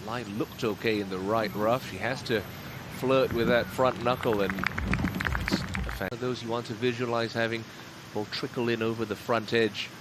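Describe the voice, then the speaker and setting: A man's voice: mid-range voice, fairly even intonation, moderate pace, heavy background noise. A man explaining shots as a live golf commentator.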